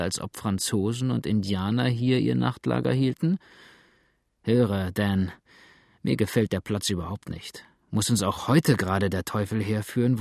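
A man voicing a wary, grumbling male fugitive who mutters in a low, hushed voice. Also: gravelly, dry recording, studio quality.

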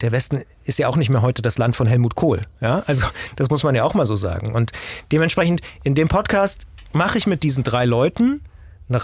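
A journalist and podcast maker in his forties from eastern Germany talks thoughtfully as an interview guest, his mid-range voice carrying a breathy edge with no echo. He speaks in long chains of sentences, restarting often and adding tag questions in reflective conversation.

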